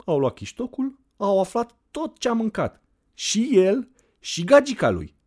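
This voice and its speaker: A man voicing a cool, blunt teenage high school girl in an audiobook reading, speaking in a dry, matter-of-fact, teasing way. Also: huge pitch swings, darkish tone, heavily acted.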